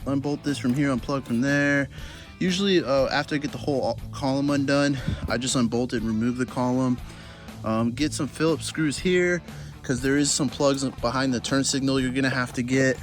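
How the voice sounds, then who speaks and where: A man giving a casual, slangy how-to walkthrough while working on a truck, talking to his viewers like buddies. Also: mid-range voice. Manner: laid-back and slangy, calls viewers "boys". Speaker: DIY truck repair vlogger. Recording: clear guitar music under voice.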